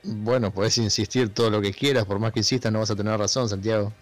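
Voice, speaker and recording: A young man with an Argentine accent in a casual debate, teasing and contrarian with drawn-out emphasis. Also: fairly low pitch, fairly even intonation, soft background music. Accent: Argentine Spanish. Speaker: panelist.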